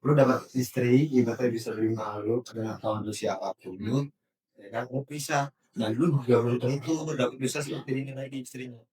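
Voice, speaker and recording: A man's voice: mid-range voice, steady tone, fairly quick, darkish tone. A middle-aged married man in a casual talk show, answering frankly and rambling a bit. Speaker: married guest. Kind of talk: casual chat.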